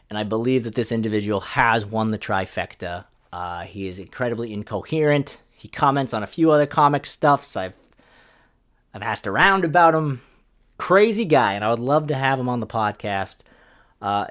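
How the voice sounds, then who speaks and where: Rambling, sardonic young man podcasting. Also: fairly low pitch. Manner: sardonic, rambling, profane, jumps between loud mock voices and mumbles. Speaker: podcast host. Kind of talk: solo comedy podcast rant.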